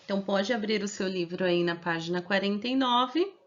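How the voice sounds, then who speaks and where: A woman's voice: mid-range voice, brisk, dull audio. A woman with a Brazilian accent, a primary school teacher who records class instructions and explains each step patiently, checking in often with her pupils. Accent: Brazilian Portuguese.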